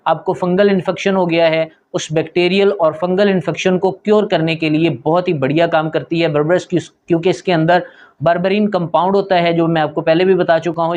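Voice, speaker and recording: Male homeopathic doctor, slightly high voice, steady explanatory health talk to camera. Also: muffled recording. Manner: steady instructive, repeats a stock transition phrase, addresses viewers as friends.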